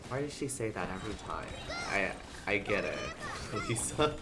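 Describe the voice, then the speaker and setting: With a deep, expressive voice at a moderate pace, this game streamer rambles casually to viewers as he plays. There is background noise beneath the voice, and video game sounds can be heard.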